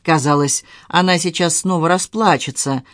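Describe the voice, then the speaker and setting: An audiobook narrator reading a classic novel in an even, measured storytelling manner. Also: medium pitch, no echo, studio quality. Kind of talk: scripted narration.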